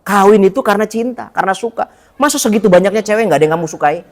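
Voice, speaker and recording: A man's voice: high voice, racing. A middle-aged man, an ustadz giving a chatty, joking mosque sermon that speaks directly to the women listening. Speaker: ustadz, religious teacher. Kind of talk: mosque study-circle sermon.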